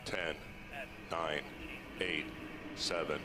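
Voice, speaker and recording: A man calling out a launch countdown in slow, clipped callouts over a distant, breaking-up radio comms loop. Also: very deep voice, steady tone, loud music behind the voice.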